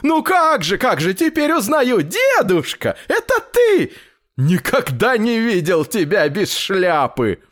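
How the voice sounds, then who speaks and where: A man voicing a fussy, chatty male tailor who rambles excitedly. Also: high-pitched, takes it slowly, voice pushed up, heavily acted. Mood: excitable, chatty.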